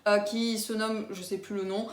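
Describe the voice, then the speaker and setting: A woman's voice: medium pitch, little pitch movement, moderate pace. Chatty young woman in a roomy echo. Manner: chatty and enthusiastic, many fillers and giggles. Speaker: booktuber. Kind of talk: casual book haul chat.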